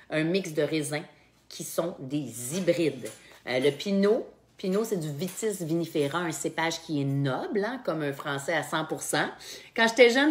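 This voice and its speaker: A woman with a Québécois French accent hosting a wine tasting game in casual live chat, laughing often and repeating words while she thinks. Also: sits low.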